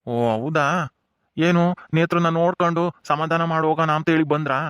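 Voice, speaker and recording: Brief: actor as a worn, gentle old village grandpa, rustic drawl, quick delivery, dry close sound. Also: male voice, on the high side, steady tone, clear, resonant tone, dry recording, close to an everyday voice. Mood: weary. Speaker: jail inmate's grandfather.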